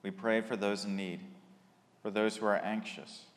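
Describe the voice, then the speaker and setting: A man leading liturgical prayers in a slow, measured way, his voice carried by a long cathedral-like echo in a large church. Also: fairly low pitch, level tone, background noise. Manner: slow, measured litany delivery. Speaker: worship leader. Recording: reverberant church hall.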